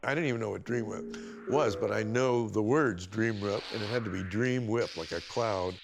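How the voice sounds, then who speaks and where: A man's voice: fairly low pitch, normal speed, creaky, over music. An older man telling stories from his past in an interview, rambling and restarting often. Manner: rambling, with many restarts and acted quotes. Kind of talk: anecdotal storytelling.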